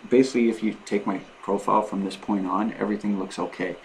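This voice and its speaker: A man talking casually and unscripted to his vlog viewers, in a halting, rambling way with repeated and restarted phrases. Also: on the low side, steady tone, slight background noise, poor audio. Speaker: vlogger documenting his own surgery preparation.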